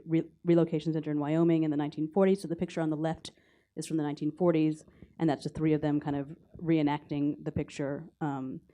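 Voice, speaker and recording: A woman with an American accent speaks as a photo editor on a conference panel. Her voice sits low and mellow, and her delivery stays level and low-key. She walks through slides haltingly, stopping now and then to find her notes. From United States. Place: university conference hall.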